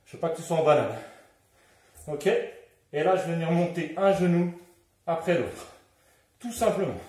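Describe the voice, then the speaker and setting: A man with a voice on the high side, a little mellow, coaches a home workout at a moderate pace and animated tone. He counts down and encourages while exercising along, slightly out of breath, in a very echoey room at home with the mic far away.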